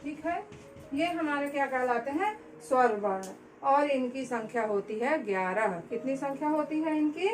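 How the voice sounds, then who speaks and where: High-pitched lady teacher going slow, keeps asking n answering her own questions, roomy echo. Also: animated, soft background music. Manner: slow, repeats key words, asks and answers own questions. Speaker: school teacher. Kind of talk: classroom-style lesson.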